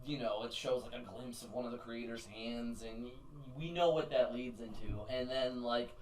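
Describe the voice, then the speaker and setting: A man's voice: mid-range voice, steady tone, normal speed. A man co-hosting a casual movie podcast, rambling with lots of fillers and cursing. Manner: rambling, profane, many fillers. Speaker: podcast co-host. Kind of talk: casual chat. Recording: echoey room, mic a bit far.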